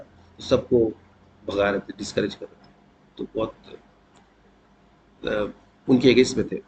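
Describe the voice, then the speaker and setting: A man giving a conversational devotional talk, telling a saint's story and often clearing his throat. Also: mid-range voice, a little mellow. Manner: conversational, mixes English words into Hindi. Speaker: devotional speaker. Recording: dull lo-fi with faint noise.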